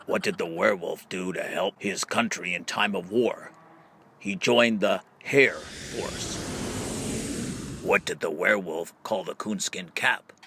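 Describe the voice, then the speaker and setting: There's slight background noise as a man with a low, gravelly, pushed and bright voice reads riddles aloud from a scripted book. An audiobook reader, he poses each question and then draws out the punchline in question-and-answer fashion.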